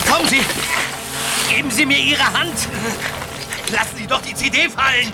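A man's voice: very high-pitched, normal speed, over loud music, low-quality recording. An actor playing a frantic man in an audio drama, exclaiming urgently. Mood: urgent, straining. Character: frantic man struggling at a cliff edge. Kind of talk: German audio drama acting.

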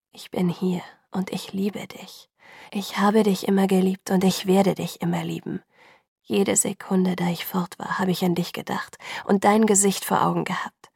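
A woman reading the lines of an intense, remorseful young man in love, soft, hushed and pleading. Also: mid-range voice, gravelly, breathy edge, dry recording, studio quality.

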